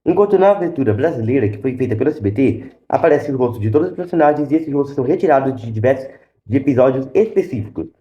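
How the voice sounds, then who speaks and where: A Brazilian YouTuber hosts a casual review video, sharing his opinions straight to camera. His mid-range voice is expressive and fast. The lo-fi sound is roomy and echoey.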